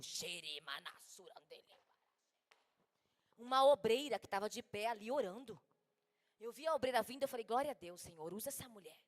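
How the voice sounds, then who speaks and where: Brazilian woman preacher, high pitch, humorous sermon delivery, sudden loud and soft swings. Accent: Brazilian Portuguese. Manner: animated, swings from loud exclamations to soft asides. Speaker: preacher at a women's conference.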